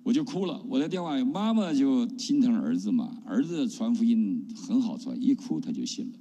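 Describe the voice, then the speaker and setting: A middle-aged man from China, a pastor giving an animated testimony sermon and often asking the congregation questions. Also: medium pitch, moderate pace, a little hiss or hum. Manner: animated preaching with rhetorical questions. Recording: long hall reverb.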